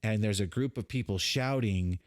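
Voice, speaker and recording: Young male game master, low voice, dry close sound, rambling delivery. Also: normal speed, dry recording. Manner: rambling, hesitant, lots of fillers. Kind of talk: narrating a tabletop game.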